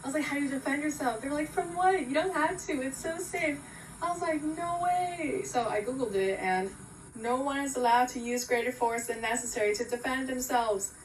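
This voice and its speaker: Woman from Los Angeles, storyteller in a short clip, faint room noise. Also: sits high. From Los Angeles, United States. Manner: quick, animated, retells quotes. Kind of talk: casual short-video storytelling. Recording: roomy phone video from a distance, faint ambience.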